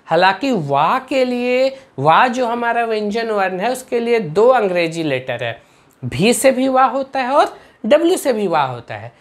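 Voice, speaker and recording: A woman teaching a spelling lesson, sounding out words slowly and putting quick questions to her students. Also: on the high side, sing-song. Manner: drills words slowly and asks the class questions.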